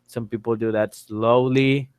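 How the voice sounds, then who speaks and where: An English teacher and exam tutor gives an informal online exam lesson over a call microphone. His mid-range voice is smooth and darkish, with little pitch movement and a slightly slow pace, as he explains step by step, repeats phrases, and spells letters aloud.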